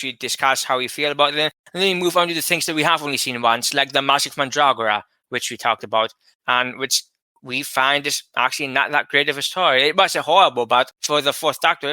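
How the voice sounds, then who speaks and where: A man co-hosting a casual chat show, talking in a chatty way and quick to laugh. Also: fairly high pitch, pushed and bright, dry recording. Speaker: podcast co-host.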